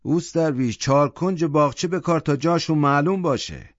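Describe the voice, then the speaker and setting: A devout older man, as a male storyteller puts him on, speaking in a measured, lifted voice. The sound is dull and lo-fi, and the recording is dry. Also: a little high, no room sound, pitched above the performer's own voice, close to an everyday voice. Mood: advising.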